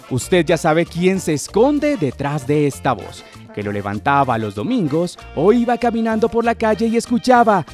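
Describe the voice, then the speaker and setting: Male reporter, scripted feature narration, higher pitch, very varied intonation, background music. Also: a little mellow.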